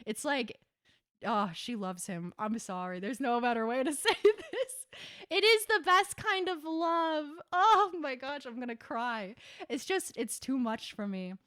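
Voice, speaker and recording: A woman's voice: sits high, animated, unhurried, fairly bright tone, dry recording, clean studio sound. A woman streamer chatting on a live stream, gushing and giggling often as she talks to her chat. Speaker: VTuber streamer.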